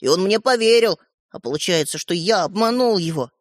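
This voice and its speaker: A woman playing a gentle, worried little boy in a children's story, speaking softly and earnestly. Her voice moves freely in pitch, and the close recording is dry. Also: animated, brisk, dry recording, lightly acted. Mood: sad. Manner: soft, hesitant and earnest. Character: gentle, worried young schoolboy brother. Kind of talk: audiobook character voice.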